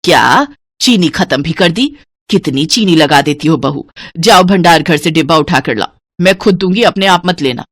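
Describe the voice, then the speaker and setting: A woman doing a bossy penny-pinching older mother-in-law, scolding tone, low voice, dry close sound, cartoon story. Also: expressive, normal speed, no echo. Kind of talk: cartoon voice acting.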